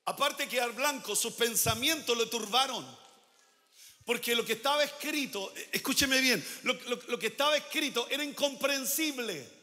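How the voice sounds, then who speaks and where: A man preaches a sermon in a large church hall, his voice high and bright. He swings between loud, emphatic declarations and quiet asides. A long reverb trails each line. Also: moderate pace. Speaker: pastor.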